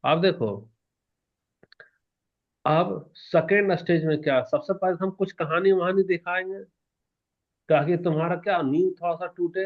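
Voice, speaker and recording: Animated male teacher, lo-fi sound. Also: a little high. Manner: animated, varies loudness and pace, asks questions and answers them himself. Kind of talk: online exam-prep lecture.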